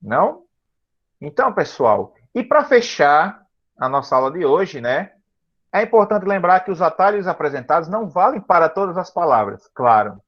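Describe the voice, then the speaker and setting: A tired male teacher explaining vocabulary to a class over a video call, patient and slow, often checking that students follow. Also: a little high, very animated, dull audio. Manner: patient, repeats words slowly and checks understanding often. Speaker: English teacher.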